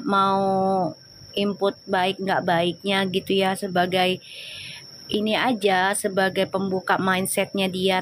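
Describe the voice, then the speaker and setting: A woman's voice: medium pitch, a bit bright. Lady doing a tarot live, chatty and scolding, slangy, bit of faint noise behind. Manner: chatty, scolds commenters, switches to slangy banter. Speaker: tarot reader on a live stream. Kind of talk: live-stream tarot reading and chat replies.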